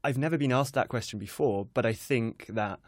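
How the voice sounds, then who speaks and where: A man's voice: mid-range voice, fairly quick, no room sound, studio quality. A man in his twenties who grew up in Switzerland, speaking with an English accent as an interview guest, thoughtful and modest. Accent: English, not from a specific place. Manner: thoughtful, modest, self-deprecating. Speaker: guest, kindness project founder. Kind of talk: conversational interview.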